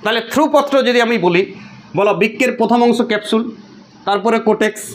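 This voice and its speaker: Quick-talking guy teacher, high voice, keeps firing questions at the class and answering them himself. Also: slight background noise. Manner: drills students by repeating questions and answers; quick, high-pitched and insistent. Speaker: biology teacher. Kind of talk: classroom lecture with questions to students.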